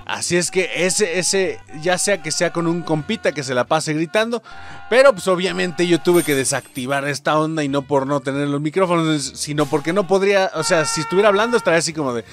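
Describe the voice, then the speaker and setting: A young man commentating a video game, shouting, laughing and swearing as he plays. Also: fairly high pitch, brisk. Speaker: gaming youtuber. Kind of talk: excited gameplay commentary. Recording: game music behind the voice.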